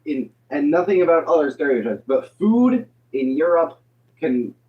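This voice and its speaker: A man's voice: a little high, very animated, normal speed, muffled recording. Rambling young man chatting on a walk. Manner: rambling, full of "like" and "you know". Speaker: streamer. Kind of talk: casual chat. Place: outdoors, walking home from work.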